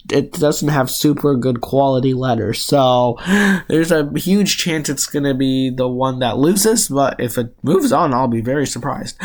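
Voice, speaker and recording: A young man from the United States hosting his gaming channel, giving chatty, unhurried commentary as he plays a word game and gets easily rattled. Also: mid-range voice. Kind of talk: casual commentary while playing a word game.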